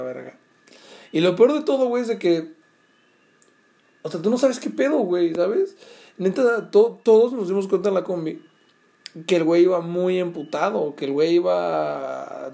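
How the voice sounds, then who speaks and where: A man's voice: on the high side, creaky, dark tone. A young man with a Mexican accent, telling a story to his viewers in casual, slangy talk full of swearing and fillers. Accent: Mexican Spanish. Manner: slangy, swearing, restless retelling with many fillers. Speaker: vlogger.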